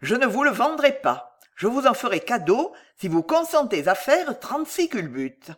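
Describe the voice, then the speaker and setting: Brief: woman reading as a cocky young shepherd boy from an old folk tale, teasing and sure of himself, lively delivery. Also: a little high, moderate pace, voice pushed up. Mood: cheeky. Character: plainspoken young male shepherd, cheeky.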